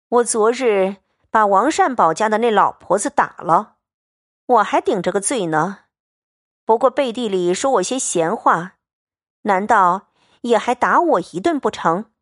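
A woman reading the part of a proud, sharp-tongued young noblewoman who speaks with biting sarcasm in a storybook reading. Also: mid-range voice, expressive, unhurried, dry recording, studio quality. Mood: cutting.

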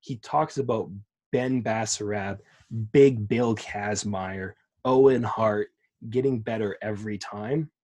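A man's voice: on the low side, takes it slowly, darkish tone. A man co-hosting a podcast, chatting casually and enthusiastically about wrestling. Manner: enthusiastic, rambling with restarts. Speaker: podcast co-host.

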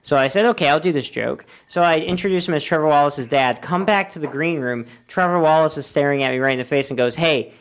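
A man's voice: on the high side, quick pace, few pauses, clear, resonant tone. A young adult man, a guest comedian on a casual podcast, telling stories animatedly with lots of fillers and swearing. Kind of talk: casual podcast chat, storytelling.

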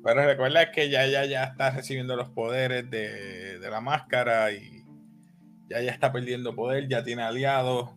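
Man, co-host, casual anime talk, rambling, excitable. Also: medium pitch, moderate pace, soft background music. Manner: rambling, excitable, mixes in English words.

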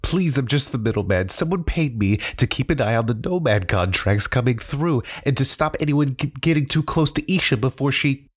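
A man's voice: mid-range voice, lively intonation, normal speed, few pauses, breathy edge, voice pushed up. A man voicing a frightened small-time male informant who begs nervously and stammers. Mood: pleading. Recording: background music under the voice.

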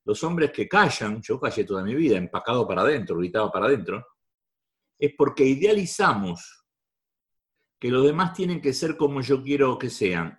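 A man with a Rioplatense Spanish accent giving a repetitive, emphatic talk to a live audience. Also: medium pitch. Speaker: motivational speaker.

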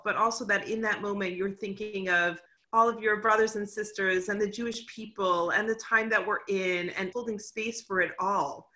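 A woman's voice: medium pitch, sharp tone. A woman hosting a conversation, reflective and encouraging toward her guest. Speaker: host. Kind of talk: casual chat.

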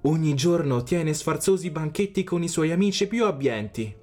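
An eager, humble servant from a storybook tale, as a male narrator puts him on. His voice sits a little higher than the narrator's own, with faint music behind. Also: animated, normal speed, a little mellow, close to an everyday voice.

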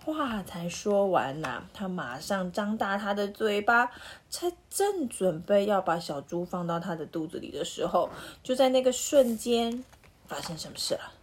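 Parent narrator, Taiwanese Mandarin accent, lively read-aloud, husky tone. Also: female voice, medium pitch, moderate pace. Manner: lively, asks the listener questions. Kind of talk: picture-book read-aloud.

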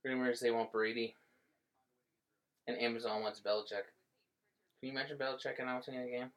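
A man's voice: medium pitch, steady tone, fairly quick, fairly bright tone, dull audio. A man co-hosting a casual sports talk show, trading jokes and banter about football. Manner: joking banter.

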